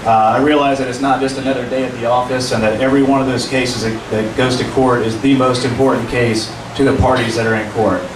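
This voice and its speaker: A man in his forties speaking as a judicial candidate at a public forum, measured and earnest, with fillers when answering questions. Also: mid-range voice, steady tone. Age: 40s. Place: meeting room at a public forum. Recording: roomy, distant, noisy room recording.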